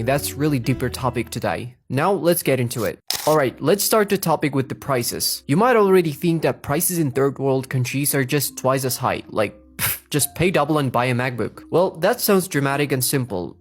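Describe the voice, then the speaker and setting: A young man from Kazakhstan, hosting a tech channel and explaining in a conversational, scripted way with emphatic rhetorical questions. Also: medium pitch. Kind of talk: scripted explainer talk to camera.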